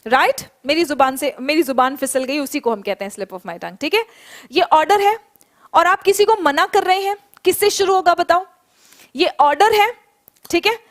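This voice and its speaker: High-voiced woman teaching spoken English. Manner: explains in Hindi, drills English phrases slowly for students to repeat. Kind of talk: online spoken English class.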